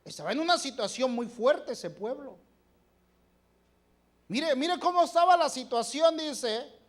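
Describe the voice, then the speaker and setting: A preacher giving a sermon in a church, reading scripture and putting questions straight to the congregation, with the volume swinging between loud and soft. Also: high-pitched, unhurried. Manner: animated, shifting loudness.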